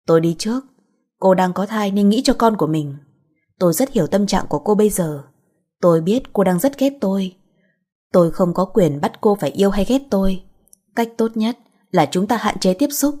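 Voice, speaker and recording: A woman's voice: medium pitch, lively intonation, mellow, close to an everyday voice. A woman voicing a composed, principled young married woman who speaks firmly. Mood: calm. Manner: firm, measured.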